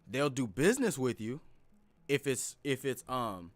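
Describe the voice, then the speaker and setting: A man ranting to his viewers in a casual, profane, animated way, calling them bro. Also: mid-range voice, measured pace, dry recording. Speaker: vlogger. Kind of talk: casual rant to camera. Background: background music.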